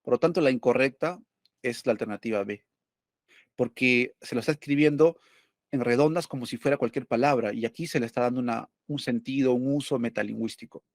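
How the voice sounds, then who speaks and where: A male teacher works through test questions step by step, asking his own questions and answering them. His voice is mid-range and fairly quick, captured in a dry, studio-quality recording.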